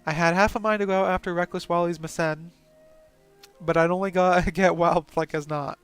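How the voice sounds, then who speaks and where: A man voicing a gruff, folksy male village elder, reading his lines aloud in a plain voice. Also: sits high, steady tone, normal speed, faint music behind, close to an everyday voice.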